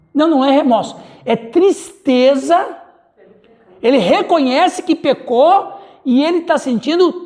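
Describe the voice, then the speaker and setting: A male pastor with a Brazilian Portuguese accent, teaching a Bible study and calling on listeners by name. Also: extremely high pitch.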